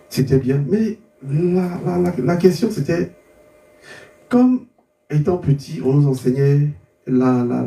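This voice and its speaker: A man's voice: mid-range voice, vocal fry, dark tone. A man from Côte d'Ivoire, giving a testimony as an interview guest. He tells his story with stumbling repeated words and acts out the dialogue in it. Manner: stumbling repetitions, re-enacting dialogue. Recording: roomy sound, distant mic, faint background hum.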